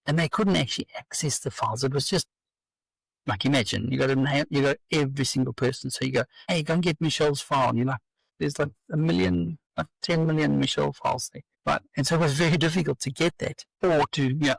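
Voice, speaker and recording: A man talks as a guest in a casual interview, explaining ideas with eager conviction. His voice has a gravelly fry, recorded dry and close to the mic. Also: a little high, dry recording, poor audio. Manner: enthusiastic, explanatory, persuasive. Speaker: business coach guest.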